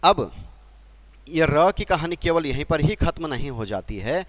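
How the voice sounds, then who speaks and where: A man's voice: on the high side, animated, measured pace, dry recording. Patient man teaching at a board. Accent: Uttarakhand Hindi. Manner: patient, repeats key points, asks the class questions. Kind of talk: classroom lesson at a board.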